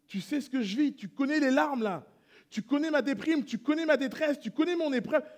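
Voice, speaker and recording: High-voiced preaching man. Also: a little fast. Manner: swings from hushed prayerful to loud impassioned preaching. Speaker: pastor. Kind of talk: sermon. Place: church.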